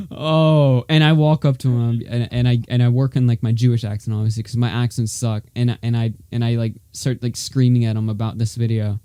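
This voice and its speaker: A man's voice: medium pitch, normal speed, dark tone, clean tone, dry recording, studio quality. A man reacting to a video in casual commentary, incredulous and profane, laughing often. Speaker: podcast co-host reacting to a video.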